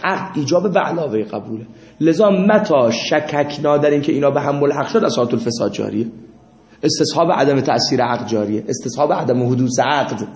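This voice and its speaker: A man's voice: medium pitch, darkish tone. A man teaching a class, explaining through examples and putting questions to his students. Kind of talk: classroom lecture. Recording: echoey room, muffled lo-fi sound.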